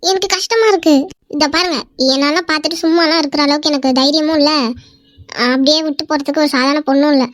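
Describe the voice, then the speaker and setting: A woman voicing a jealous, emotional young wife in a cartoon, who pleads through tears and turns sharp and possessive. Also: high voice, fairly even intonation, quick pace, no echo, studio quality, lightly acted. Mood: tearful, hurt. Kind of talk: amateur cartoon voice acting.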